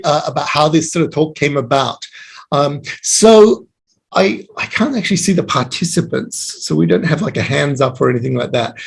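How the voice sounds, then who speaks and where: A man giving an online meetup talk, speaking haltingly with many fillers and restarts. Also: a little high, husky. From Australia. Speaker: guest speaker.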